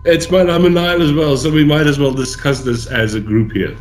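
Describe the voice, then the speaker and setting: A man's voice: a little high, brisk, faint music behind. Blunt, swearing man on a video call. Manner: blunt, swears, animated opinions. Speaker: podcast co-host. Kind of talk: casual chat.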